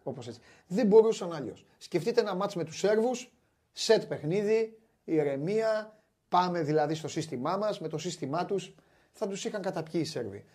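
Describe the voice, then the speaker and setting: A man's voice: high-pitched, breathy edge. A man hosting a basketball talk show, chatting animatedly and wryly, often restarting his sentences. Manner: animated, wry, many restarts. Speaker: sports show host. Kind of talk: casual basketball chat.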